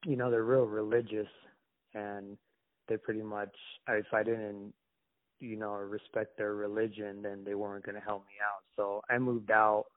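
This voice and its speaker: A young man from Somalia, an interview guest, talking in a halting, reflective way with many restarts. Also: lowish voice, level tone. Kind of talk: casual conversation. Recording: tinny phone-like call line.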